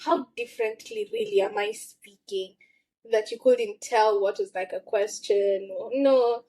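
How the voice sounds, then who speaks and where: A woman's voice: mid-range voice, a little slow, warm tone, low-quality recording. A young woman with a Kenyan accent chatting casually, full of fillers and frequent laughter. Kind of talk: casual chat.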